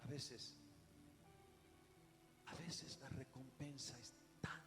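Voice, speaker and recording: A man with a Rioplatense Spanish accent preaches a dramatic sermon full of rhetorical questions and emphatic repetition, his mid-range voice steady and slow. The recording has an echoey hall sound with music behind him.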